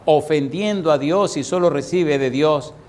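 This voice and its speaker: A man's voice: on the high side, a little mellow. Man preaching, repeats rhetorical questions. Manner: slows down and stresses key phrases. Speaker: pastor. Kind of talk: evangelistic sermon.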